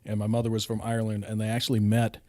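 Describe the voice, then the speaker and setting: A middle-aged man from Hawaii, a podcast guest telling his life story with many pauses and fillers. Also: on the low side, monotone, warm tone, no room sound. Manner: hesitant, many ums and uhs, laughs often. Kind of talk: casual storytelling.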